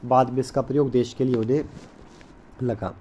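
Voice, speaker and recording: A man's voice: medium pitch, fairly even intonation, moderate pace, dark tone, a little hiss or hum. A man teaching a recorded school lesson, explaining step by step, repeating key points and mixing English terms into his Hindi.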